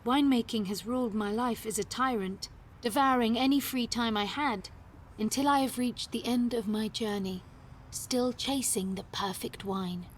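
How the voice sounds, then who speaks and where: A woman voicing an old winemaker reading a formal farewell letter, slow and hushed, in a whispered role-play. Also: a little high, a little hiss or hum, close to an everyday voice. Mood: solemn hushed.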